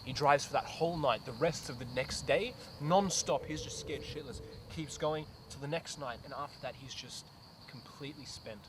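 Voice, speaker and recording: A young man acting in an amateur film, casually telling a scary story by a campfire, often dropping his voice low. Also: moderate pace, crowd noise, close to an everyday voice. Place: outdoors at night in the bush. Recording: outdoor night, loud insects.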